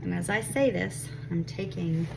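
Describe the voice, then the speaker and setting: In a casual baking tutorial from her home kitchen, a young woman talks chattily about her bread, reassuring viewers while poking fun at herself. Her congested, sniffly voice is low and creaky at a measured pace, against a noisy background.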